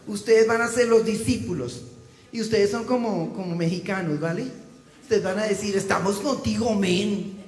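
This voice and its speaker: A man preaching in a church, leading the congregation through a call-and-response reading and shouting out the cue words. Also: sits high, a little hiss or hum. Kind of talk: interactive sermon with call-and-response cues. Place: church sanctuary. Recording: echoey hall with long reverb.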